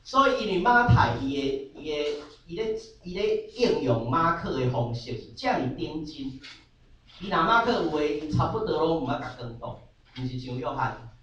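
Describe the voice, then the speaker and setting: A man's voice: fairly high pitch, very animated, normal speed, a bit bright, lo-fi sound. A man leading a conversational Bible study class, slipping English terms into his explanations and answering students. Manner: sprinkles English terms into his talk, frequent filler particles. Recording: very echoey room, voice from far off, faint background hum.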